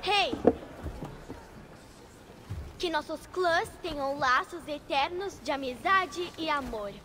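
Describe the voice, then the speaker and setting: A woman's voice: sits high, slow, bright, forceful tone, slight background noise, full character voice. A woman with a Brazilian accent voicing an eager, earnest young viking child in a dubbed video game. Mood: solemn.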